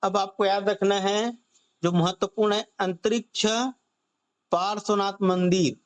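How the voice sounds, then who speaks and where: Male exam-prep tutor, high voice, slow deliberate delivery, keeps quizzing the class and repeating answers. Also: flat delivery, clean tone. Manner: drills students with repeated questions and "theek hai"; slow, stretched key phrases. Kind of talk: online current-affairs class.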